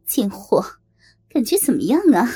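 A woman's voice: mid-range voice, sing-song, normal speed, warm tone, slightly rough, soft background music. A woman voicing a cruel, scornful female tormentor in an audio story, speaking in a sneering, contemptuous way.

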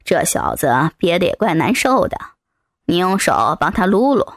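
A woman's voice: fairly low pitch, big pitch swings, normal speed, no echo, studio quality, pitched below the performer's own voice. A woman voicing a crude, domineering man who curses and barks orders, dropping far below her own voice. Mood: gruff bullying. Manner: coarse, bullying, swearing. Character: crude domineering male thug, adult man.

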